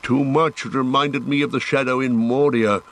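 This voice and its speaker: A man voicing a stout, gruff male dwarf warrior with a hearty, blunt manner, changing the tone of his voice for the part. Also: medium pitch, fairly even intonation, normal speed, voice pushed up, close to an everyday voice.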